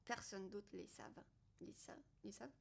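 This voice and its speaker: A woman's voice: medium pitch, normal speed, gravelly. A woman from France vlogging to camera in a candid, rambling way, thinking aloud and swearing casually. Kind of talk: casual confessional talk to camera.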